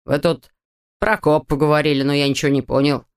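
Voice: mid-range voice, fairly even intonation, brisk, smooth, lightly acted. A nervous small-business man, plainly worried, as an audiobook reader puts him on. The voice stays close to the narration.

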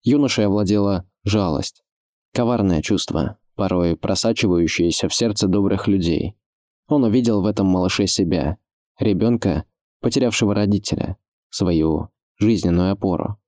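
A man giving measured, scripted audiobook narration. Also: deep voice, warm tone, dry recording, clean studio sound.

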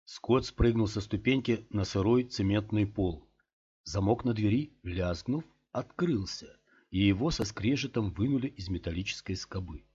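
A man reading an audiobook in a steady, measured way, in a dull lo-fi recording. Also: fairly low pitch, slightly rough. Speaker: audiobook reader. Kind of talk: audiobook narration.

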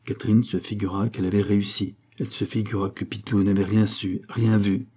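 A man reading a classic novel aloud in measured, even scripted narration. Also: fairly low pitch, husky. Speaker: audiobook reader.

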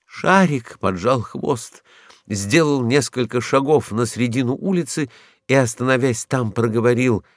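A man's voice: medium pitch, unhurried, no echo, clean studio sound. A man narrating a storybook, reading expressively.

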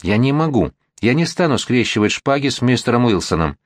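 A man voicing a composed, self-assured gentleman. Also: medium pitch, sing-song, a little fast, no echo, studio quality, voice pushed up, lightly acted. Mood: calm. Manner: composed and reasoning. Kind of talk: audiobook character reading.

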